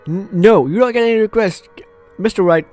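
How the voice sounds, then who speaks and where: Reading a visual novel aloud for a let's play, a man keeps breaking off into chatty, reactive asides. His voice is high with a darkish tone, and he talks fairly quickly over faint game music.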